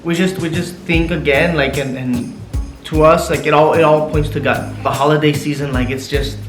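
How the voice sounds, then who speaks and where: Excitable man retelling a story at home. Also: on the high side, normal speed. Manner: excitable, repeats himself, mixes in Spanish. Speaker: vlogger, husband. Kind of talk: casual storytelling to camera. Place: living room at home. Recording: echoey room with soft music.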